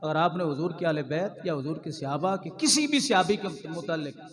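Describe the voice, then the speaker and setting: A male preacher delivers a devotional sermon, moving between quiet storytelling and loud, drawn-out chanted refrains. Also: fairly high pitch. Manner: swings from quiet storytelling to loud sung exclamations. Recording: long hall reverb.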